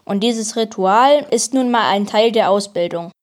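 A woman's voice: medium pitch, unhurried, lightly acted. A woman voicing a stubborn boy who wants to be a monster hunter, grumpy and panting.

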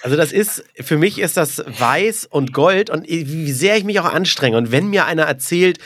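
A man's voice: a little high, animated, normal speed, a bit bright, no echo. A man with a slightly raised voice talks through a casual podcast conversation, explaining at length and hedging with fillers. The sound is dry and close, with almost no room around him. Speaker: podcast co-host.

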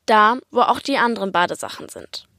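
Woman reading an austrian mom, calm and firm, sorting things out, dry close voice. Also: medium pitch, a little fast, vocal fry, no echo. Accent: Austrian German. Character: patient practical mother.

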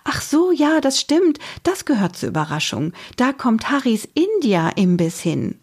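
A woman doing a soft-spoken, bashful grandmother. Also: fairly high pitch, sing-song, measured pace, husky, voice pushed up, exaggerated voice. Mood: cheerful. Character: warm, lively grandmother, bashful and cheerful.

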